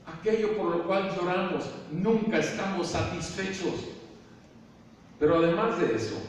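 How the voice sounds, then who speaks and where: A man with a Mexican Spanish accent preaching a sermon as pastor, asking rhetorical questions and dropping at times to a soft, slow voice. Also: extremely high pitch. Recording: echoey hall from far off, faint room noise.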